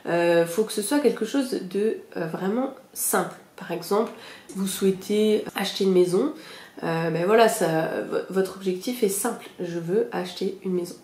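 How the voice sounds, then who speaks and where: A young woman talks her listeners through a goal-setting method like a friendly teacher. She speaks loosely, with lots of fillers and little self-mocking asides, and keeps checking in with her listeners. Her voice sits at an ordinary pitch and comes back off the walls of an echoey room. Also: normal speed, a little mellow. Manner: chatty, many fillers, self-mocking laughs; addresses listeners directly, reassuring. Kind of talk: casual spoken lesson.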